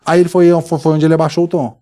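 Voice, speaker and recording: A man's voice: on the high side, level tone, very fast, mellow. A man with a Brazilian Portuguese accent, a podcast guest animatedly telling his story and acting out the dialogue in it. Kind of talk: storytelling in a casual podcast interview.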